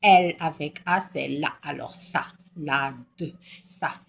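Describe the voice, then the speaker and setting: A woman teaching a reading lesson to young children. She coaxes them gently and sounds out syllables slowly and one by one. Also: deep voice, vocal fry. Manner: warm, coaxing, repeats syllables slowly for children. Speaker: primary school teacher.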